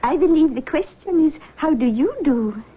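A woman playing a mysterious, commanding seance medium in a scripted drama, speaking slowly and gravely with portentous pauses. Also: sits high, animated, narrow, tinny audio. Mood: formal, commanding.

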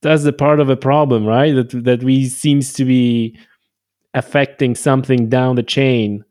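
A Polish podcast host conducts a conversational interview, eager and rambling, frequently restarting his sentences with enthusiasm. His voice is medium-pitched with a level tone, a measured pace, and a slightly mellow quality.

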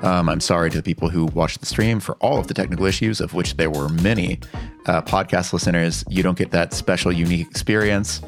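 A man's voice: sits low, brisk, vocal fry, soft background music. A man hosting a podcast in casual chat, joking with co-hosts and signing off the show. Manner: relaxed, joking, signs off the show. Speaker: podcast host.

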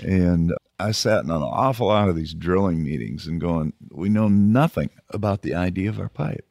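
A man's voice: sits low, expressive, normal speed, gravelly, darkish tone, dry recording, studio quality. A man speaking as a company founder and podcast guest, giving conversational interview answers.

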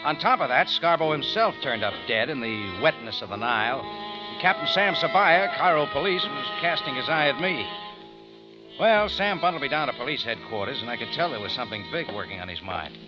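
A man's voice: mid-range voice, expressive, fairly quick, lightly acted. An actor playing a tough, hard-boiled adventurer who narrates his own story in an old radio drama, with a clipped, wry delivery. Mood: hard-boiled narration. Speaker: narrator and lead. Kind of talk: 1950s radio drama acting. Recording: dull old radio broadcast with music.

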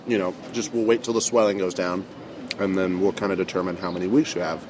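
Deep-voiced young man, chatty, outdoors. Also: little pitch movement, fast, background noise. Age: 20s. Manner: loose and chatty, full of fillers. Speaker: college football player. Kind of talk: casual interview talk. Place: outdoors at a campus table.

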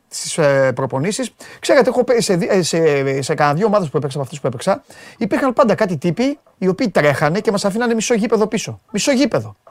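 A man delivering a satirical comic monologue about football, with mocking rants that jump from loud outbursts to low muttered asides. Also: no echo, clean studio sound. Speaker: comedian doing football commentary.

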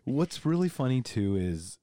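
A man co-hosting a podcast, bantering in a playful, over-the-top way and breaking into high squeals of delight. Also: very animated, measured pace, mellow, no echo. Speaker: podcast co-host. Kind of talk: casual banter.

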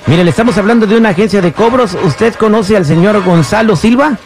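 A man with a Mexican accent hosting a morning radio show, running a prank call in a brisk, mock-official, teasing way. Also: high-pitched. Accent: Mexican Spanish. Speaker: radio host.

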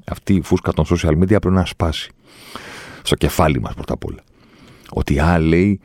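A middle-aged man with a very low, warm, mellow voice talks straight into a close microphone in a dry room. He builds his opinions emphatically, circling back with repeated phrases, thoughtful rather than loud. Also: dry recording. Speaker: podcast host. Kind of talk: solo opinion monologue.

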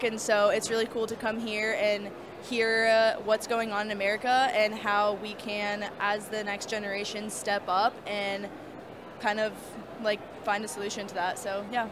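Flat-voiced young woman giving interview answers. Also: mid-range voice, background noise. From California. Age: young adult.

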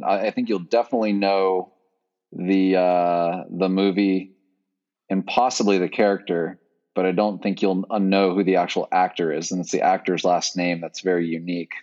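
A low-voiced man chatting on a movie podcast, teasing his co-hosts and laughing easily. The recording is dull and lo-fi. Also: darkish tone. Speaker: podcast co-host. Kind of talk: casual movie-list chat.

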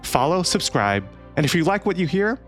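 A man's voice: fairly high pitch, big pitch swings, normal speed, over music. A man hosting a podcast with scripted narration. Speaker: podcast host.

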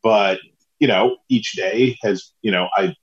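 A man's voice: fairly low pitch, unhurried. A man co-hosting a podcast from home in casual chat, his voice sounding as if he is inside a tin can, chatty with fillers and restarts. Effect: sounds like talking inside a tin can. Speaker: podcast co-host. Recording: dull lo-fi remote line, tinny.

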